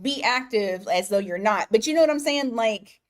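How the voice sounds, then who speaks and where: A woman's voice: a little high, animated, normal speed. A woman giving live tarot readings, talking casually to viewers, laughing often and circling back on her words. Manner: chatty, laughs often, restarts and fillers. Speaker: tarot reader.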